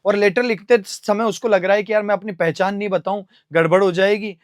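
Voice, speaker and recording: A young Indian man with a high voice explains confusable words. He asks his own questions, answers them at once, and spells words out slowly letter by letter. The sound is dry and close. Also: steady tone, dry recording. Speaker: English teacher. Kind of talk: classroom vocabulary lesson.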